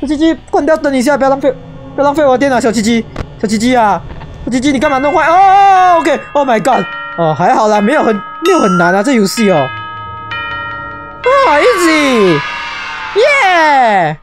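A young woman giving excitable, shrieking let's play commentary, peppered with English exclamations. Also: high voice, normal speed, over music. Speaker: gaming YouTuber.

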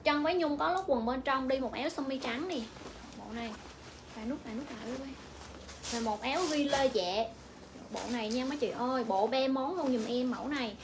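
High-voiced woman calling out prices. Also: noisy background. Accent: Vietnamese. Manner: repetitive, rapid-fire price calling. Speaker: livestream clothing seller. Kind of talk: livestream sales pitch.

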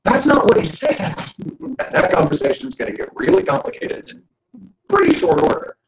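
A man giving a joking, animated lecture to an audience as a guest speaker. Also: very high voice, normal speed, creaky, roomy sound, noisy background. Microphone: camera.

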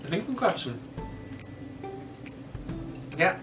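A woman's voice: on the low side, very animated, takes it slowly. A woman casually taste-testing snacks and describing each one aloud as she goes. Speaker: snack box reviewer. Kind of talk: casual taste-test chat. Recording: distant mic with background music.

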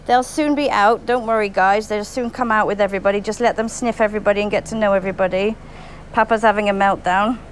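A woman's voice: medium pitch, steady tone, quick pace, slight background noise, low-quality recording. A woman chatting casually on an upbeat vlog at an outdoor animal shelter, talking to dogs and people. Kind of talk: casual handheld vlog chat.

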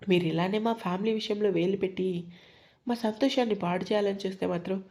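A woman's voice: mid-range voice, fast talker, darkish tone, close to an everyday voice. A woman voicing a furious young wife in a storybook reading, menacing and cold as she threatens her in-laws.

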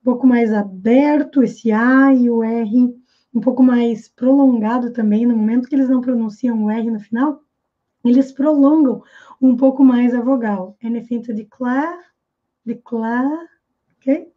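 A woman with a Brazilian accent and a high, bright voice explains pronunciation in a video lesson. She repeats English phrases slowly and carefully for her students. The recording sounds slightly dull and lo-fi. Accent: Brazilian Portuguese. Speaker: English teacher.

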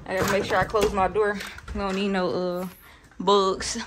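This is a casual house-tour vlog from a young adult woman who talks in informal slang, holding her phone at arm's length through her apartment, hallways, and parking garage. Her medium-pitched delivery is flat and moderately paced, captured on a noisy handheld recording.

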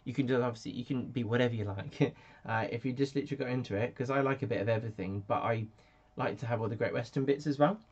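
A man's voice: medium pitch, quick pace, hardly any pauses, a little mellow, slightly rough. A man hosting a casual live stream, chatty and self-mocking as he answers viewers. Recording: dull lo-fi sound.

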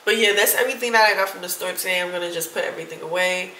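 In her apartment, a woman of roughly thirty, nose stuffed up, talks through a shopping haul for her viewers in a chatty vlogger style, addressing them as y'all. She speaks fast in a lowish voice, with an echoey room and background noise.

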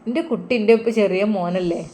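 A woman's voice: mid-range voice, brisk, a little mellow, lightly acted. A woman voicing a loving, anxious mother who soothes and pleads tenderly.

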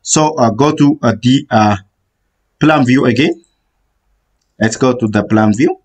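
In this screen-recorded software tutorial, a man walks through the steps one at a time, halting often and filling gaps with "uh." His voice sits at a medium pitch.

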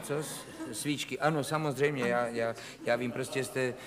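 An actor playing a harried psychiatrist. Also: male voice, medium pitch, fairly even intonation, heavy background noise, close to an everyday voice. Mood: soothing. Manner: fussy, stammering, repeating "ano". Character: harried male psychiatrist, henpecked husband. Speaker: psychiatrist in sketch. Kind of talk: television comedy sketch. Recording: reverberant studio, live audience laughing.

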